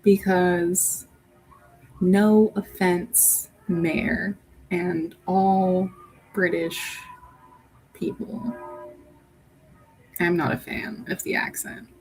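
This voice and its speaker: A woman's voice: fairly low pitch, little pitch movement, extremely slow, pauses often, darkish tone, a little hiss or hum, poor audio. A woman hosting a casual livestream. She talks in a chatty, giggly, rambling way, often restarting her sentences. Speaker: livestream host.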